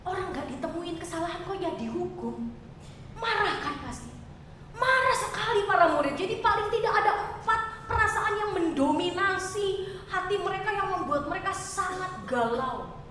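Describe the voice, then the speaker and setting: A woman pastor giving a chatty, expressive sermon and asking her congregation questions. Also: very high voice, moderate pace, a little hiss or hum. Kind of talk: conversational sermon. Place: church hall. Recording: echoey church hall, mic far off.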